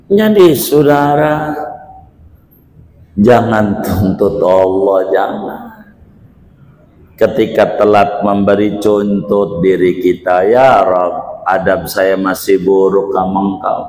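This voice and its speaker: Slow Betawi-accented man preaching in an echoey hall. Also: low voice. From Indonesia. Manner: slow, folksy preaching with sudden shouted peaks. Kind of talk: sermon. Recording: echoey hall, roomy reverb.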